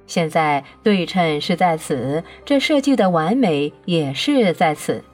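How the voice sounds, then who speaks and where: A woman's voice: sits low, very animated, a little slow, darkish tone, faint music behind, exaggerated voice. A woman reading as a patient divine voice. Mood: serene. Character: patient, all-knowing divine voice. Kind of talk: audiobook reading.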